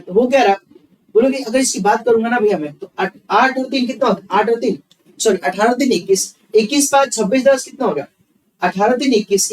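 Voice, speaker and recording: Quick, high-voiced man teaching. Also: recorded from a distance, a little hiss or hum, poor audio. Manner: talks himself through sums aloud, repeating each step; calls students bhaiya, asks questions and answers them himself. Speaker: reasoning teacher. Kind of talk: online exam-prep class.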